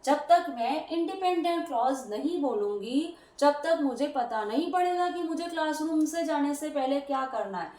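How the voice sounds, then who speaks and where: A woman's voice: sits high, animated, normal speed, hardly any pauses, a little mellow. A woman teaching a grammar lesson, explaining patiently and step by step. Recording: roomy echo, voice from a distance.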